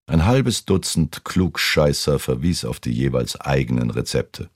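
A man reading a novel aloud in a steady, unhurried way. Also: extremely low pitch, no echo, clean studio sound. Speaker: audiobook reader.

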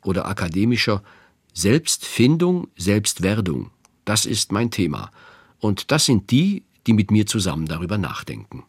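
A man's voice: lowish voice, big pitch swings, breathy edge, dry recording, clean studio sound. A man in his fifties giving a reflective scripted radio narration as host. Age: 50s. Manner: reflective, measured.

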